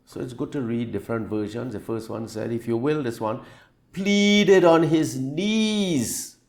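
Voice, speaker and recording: Gravelly guy doing a daily devotional, explains the bible verse slow and plain, repeats himself. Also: medium pitch, fairly even intonation, dark tone. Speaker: preacher. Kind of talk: daily devotional scripture reflection.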